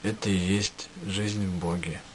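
A man giving a spiritual address to listeners, speaking in measured short phrases with pauses. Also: sits low, fairly even intonation, a little mellow, a little hiss or hum, low-quality recording. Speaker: spiritual teacher.

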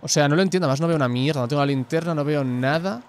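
A man from commentating his own gameplay, excitable and swearing often, shouting at the screen. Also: a little high, rapid-fire, a little hiss or hum.

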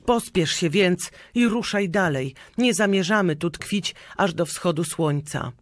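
An impatient country squire from an old legend, read by a man. He gives curt, commanding orders in a fairly high voice. Slow and close, with a dry sound. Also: no echo.

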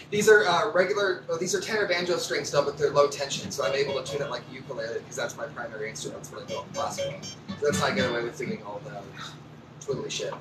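A man's voice: mid-range voice, fast talker. A man chatting casually on a live music stream, joking, swearing freely and breaking into song. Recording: roomy sound from a distance, music playing.

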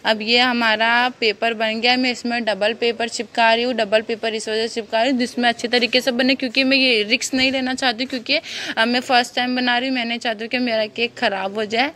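Filming her hands from above on a phone, a young woman explains a home recipe step by step in her kitchen as a cooking vlogger. She speaks a little fast in a pushed, bright voice that sits on the high side with little pitch movement, chatting casually and using many fillers.

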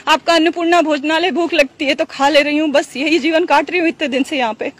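A middle-aged woman speaks in a high, tight voice. She pleads and recounts her distress at length to a reporter outside a hospital. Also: fairly even intonation, brisk, a little hiss or hum. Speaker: mother of a hospitalized patient. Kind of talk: emotional on-street news interview.

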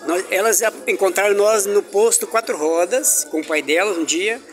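Faint music sits behind a man's high, somewhat bright voice, delivered at a moderate pace. A travel vlogger, he casually tours an indoor farmers' market on camera, chatting cheerfully with vendors and children and exclaiming in religious terms.

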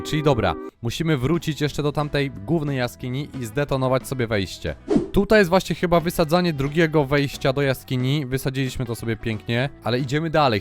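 A young man giving lively, excitable commentary while playing a video game and talking to his viewers. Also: on the high side. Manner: exclaims often, addresses the audience. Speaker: gaming YouTuber. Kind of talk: excited Let's Play commentary.

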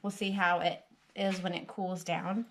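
A woman's voice: lowish voice, flat delivery, a little slow, gravelly, a bit bright, a little hiss or hum, poor audio. A woman casually narrating a home cooking project in her kitchen, practical and chatty, thinking aloud as she works. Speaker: home cook and homesteading vlogger. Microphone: camera mounted above the stove and counter.

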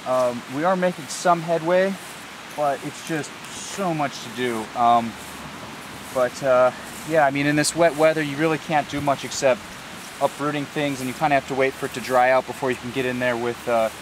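Outdoors on a farm, a thirtysomething man talks at normal speed in a medium-pitched voice. His plain, informal explanations sound like a farmer's casual vlog, and the clear recording carries some background noise and hiss.

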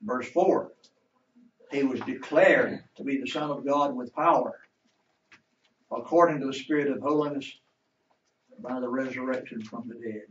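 A man's voice: mid-range voice, measured pace, long pauses. Male Bible teacher, questioning class; distant, roomy, dull church recording. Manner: asks the class questions and waits for answers. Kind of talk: interactive Bible lesson.

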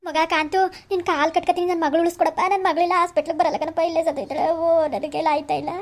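A woman's voice: very high-pitched, steady tone, racing. A woman voicing a dramatic, pleading elderly mother in a cartoon, wailing and begging. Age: older. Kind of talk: cartoon voice acting.

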